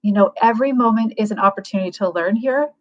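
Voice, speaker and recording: On a livecast with dull lo-fi audio, a woman with a voice on the high side talks at a quick pace. She gives frank, casual advice and thinks aloud with plenty of fillers.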